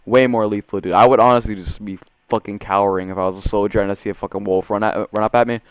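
A young man doing casual, profane video game commentary in slangy gamer bro talk, swinging between muttering and excitement. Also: lowish voice, fast, clean tone, no room sound. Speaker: gaming video creator.

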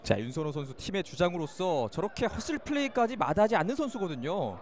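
A man's voice: high-pitched, big pitch swings, fast, a little hiss or hum. A man co-commentating on a live football match, giving enthusiastic analysis and exclamations.

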